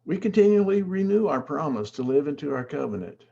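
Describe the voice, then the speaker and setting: A man's voice: a little high, very animated, fairly quick, gravelly, dark tone, breathy edge, dull audio. A man serving as worship associate, giving a formal, earnest, scripted welcome to a service.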